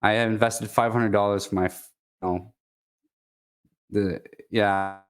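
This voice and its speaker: Speaking with a Quebecois French accent, this native French-speaking man from Quebec is a guest in a casual chat. His lowish voice is smooth with fairly even intonation, though his delivery is halting, full of restarts and fillers.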